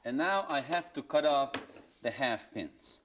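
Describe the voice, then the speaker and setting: A man calmly walks through a woodworking demonstration with a patient, plain manner and non-native English phrasing. His voice sits at an ordinary middle pitch. The sound comes off a worn videotape copy, with steady tape hiss underneath. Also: unhurried. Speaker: woodworking instructor. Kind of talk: step-by-step instructional demonstration.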